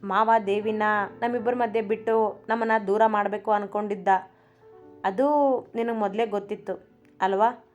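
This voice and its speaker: A woman's voice: mid-range voice, level tone, moderate pace, long pauses, darkish tone, highs cut off, faint music behind, close to an everyday voice. A woman voicing a playful young husband who fakes being stern, speaking in a teasing, mock-stern way in a storybook reading.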